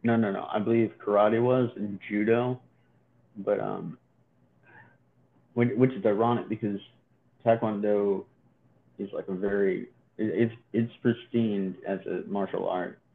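A man's voice: fairly low pitch, fairly even intonation, a little slow, creaky, long pauses. A man co-hosting a casual podcast, joking around and rambling with frequent restarts. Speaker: podcast co-host. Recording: tinny phone-like sound.

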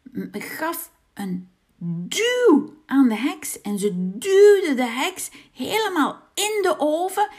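A woman reading a children's fairy tale aloud, slow and sing-song, sometimes dropping into a whisper. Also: high voice, a little mellow. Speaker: storyteller.

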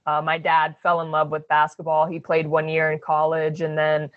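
A woman's voice: sits low, monotone, normal speed, no room sound. Young woman from Arizona, interview guest; earnest and reflective, muffled dry recording. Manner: earnest, reflective, with many fillers. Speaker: guest, basketball player. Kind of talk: casual interview answers.

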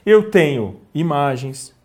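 A man's voice: fairly high pitch, expressive, slow pace, a little mellow. A man teaching a video lesson on communication, speaking straight to the viewer with rhetorical questions and acted-out examples. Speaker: communication trainer.

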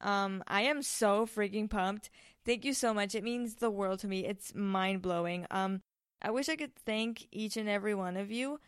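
A teenage girl from Spain chats on her own podcast, rambling and interrupting herself with frequent ums. Her voice is smooth and clear, at an ordinary pitch for a young woman. She sounds a little tired and nervous. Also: moderate pace. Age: late teens. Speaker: podcast host. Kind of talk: casual solo podcast chat.

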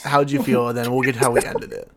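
A man's voice: medium pitch, level tone, quick pace, a loud crowd. A man hosting a casual podcast, asking laid-back questions and teasing his co-host.

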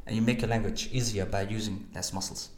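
A woman's voice: extremely low pitch, steady tone, quick pace, darkish tone. A woman from Maastricht with a Dutch accent, a native Dutch speaker explaining things patiently in casual chat, sometimes searching for English words. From Maastricht, Netherlands. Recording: roomy echo.

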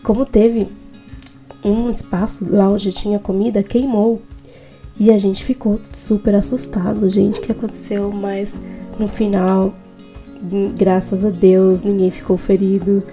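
A woman's voice: mid-range voice, level tone, measured pace, dark tone, faint music behind. A Brazilian woman with a Brazilian Portuguese accent hosting a devotional podcast, talking in a reflective, chatty way and sometimes correcting herself. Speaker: podcast host. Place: home in Switzerland.

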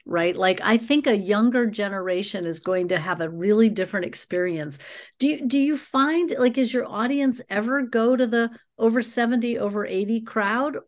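Woman podcast host, average pitch, casual chatty interviewing.

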